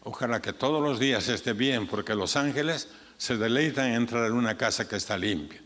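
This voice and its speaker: A man's voice: medium pitch, fairly quick, fairly bright tone. A man, a pastor, preaching a sermon with earnest emphasis, his voice rising sharply on key points. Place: church sanctuary. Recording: church sanctuary with long reverb.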